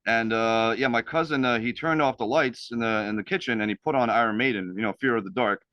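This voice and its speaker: A man's voice: mid-range voice, fast talker, dry recording. A young man from Hungary, a native Hungarian speaker, talking as a band guest in an interview, hesitant with many fillers. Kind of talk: casual interview. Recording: dull, lo-fi sound.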